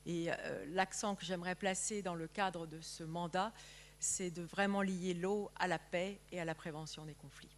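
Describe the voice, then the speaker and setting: A woman's voice: on the low side, fairly even intonation, moderate pace, a little hiss or hum. A woman professor introducing herself formally in French at a panel, speaking composedly with some fillers. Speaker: law professor. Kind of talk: formal self-introduction at a ministerial meeting.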